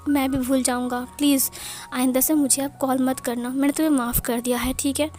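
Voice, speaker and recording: A stammering, indignant young man, as a woman storyteller puts him on. The voice sits high and light, with faint music underneath. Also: little pitch movement, brisk, darkish tone, natural voice. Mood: flustered. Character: young man, heartbroken, angrily cutting off a friend.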